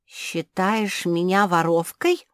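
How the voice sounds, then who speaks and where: A woman voicing an indignant young female pug dog in a children's audiobook, speaking in a huffy, sharp way. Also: lowish voice, fairly even intonation, slow, no echo, studio quality.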